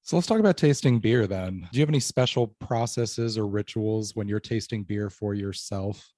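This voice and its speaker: Male podcast host, mellow and lowish, measured explainer, dry close sound. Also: no echo. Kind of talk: casual podcast chat, guided tasting.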